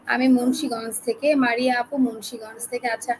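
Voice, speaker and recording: A woman from Bangladesh teaching a live online class with a sore throat, talking gently and chatting with participants as she reads out their names. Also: a little high, steady tone, fairly quick, slight background noise, poor audio. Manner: chatty, friendly, addresses listeners as apu. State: sore throat, speaking softly.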